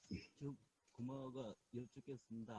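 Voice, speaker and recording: A man's voice: medium pitch, steady tone, normal speed, mellow, breathy edge. A man calling in over a bad phone connection, his voice very faint and distant, hesitantly checking whether anyone can hear him. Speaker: caller in a group phone call. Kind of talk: casual conversation. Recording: faint muffled phone line.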